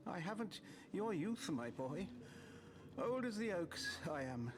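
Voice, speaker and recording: A man's voice: high voice, sing-song, slow pace, background noise, full character voice. An actor playing a frail, fretful old elf man in a video game, stammering and hesitant. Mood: resigned, fretful. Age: older. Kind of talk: game character acting.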